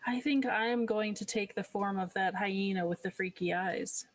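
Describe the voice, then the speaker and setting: A woman's voice: mid-range voice, normal speed, dry recording. A woman chatting casually as a player in a tabletop game, informal and a little tentative.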